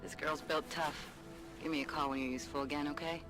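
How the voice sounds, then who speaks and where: An actress playing a tough, blunt female hacker contact in a video game, talking briskly. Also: low voice, fairly even intonation, close to an everyday voice. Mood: wry. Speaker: game character. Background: game music.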